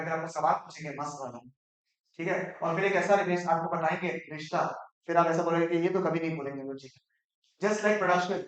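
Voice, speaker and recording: Male teacher, teasing, quizzing the class, roomy classroom echo. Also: a little high. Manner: asks the class quick questions, mixes Hindi and English; playful, teasing students. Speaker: economics teacher. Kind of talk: classroom lecture. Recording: echoey classroom.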